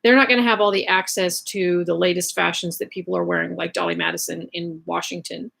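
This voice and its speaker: Creaky-voiced Southern American woman, chatty. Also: on the low side, flat delivery, a little fast, fairly bright tone. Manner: chatty, rambling asides. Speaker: livestream host sharing sewing resources. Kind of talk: casual explanatory chat to camera. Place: indoors at home, in bed in a bedroom.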